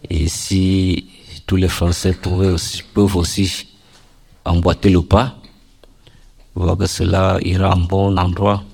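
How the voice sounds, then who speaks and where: A man's voice: low-pitched, completely flat delivery, unhurried, vocal fry, pauses often, a little mellow, breathy edge. A man from Cameroon, giving a formal, earnest personal testimony at a workshop.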